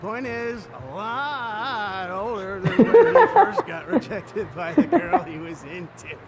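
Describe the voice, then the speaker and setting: A man's voice: sits high, very animated, takes it slowly, exaggerated voice. An actor playing a drunk, jovial man who rambles and slurs his words in a video game. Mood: tipsy, teasing. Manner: slurred, rambling, laughing. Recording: game audio with crowd noise.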